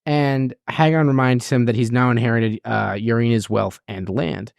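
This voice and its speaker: A woman's voice: very deep voice, fairly even intonation, normal speed, gravelly, a little mellow, no room sound, clean studio sound. A woman co-hosting a podcast in casual chat, who makes crude jokes and acts out characters in silly voices. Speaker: podcast co-host.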